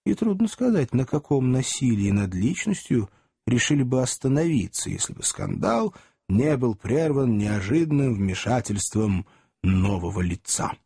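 A man narrating a classic novel as an audiobook, reading in a theatrical, expressive way. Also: mid-range voice, moderate pace, gravelly, breathy edge, no room sound, clean studio sound.

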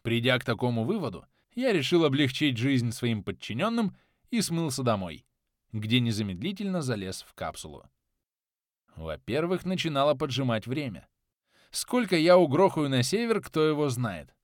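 Guy reading an audiobook, wry and chatty, lively pitch, dry close mic. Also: moderate pace, no room sound. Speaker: audiobook narrator. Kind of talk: first-person audiobook narration.

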